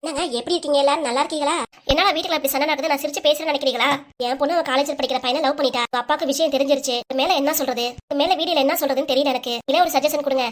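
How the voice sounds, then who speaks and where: A woman's voice: high voice, steady tone, very fast. A woman cartoon creator with a Kanyakumari Tamil accent, signing off to her viewers in a chatty, friendly way. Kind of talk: casual sign-off to viewers.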